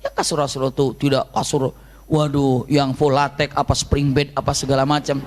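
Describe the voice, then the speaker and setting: A man preaching a sermon, telling stories lively and acting out the voices he quotes. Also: medium pitch, brisk. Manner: lively storytelling, acts out quoted voices, frequent laughter.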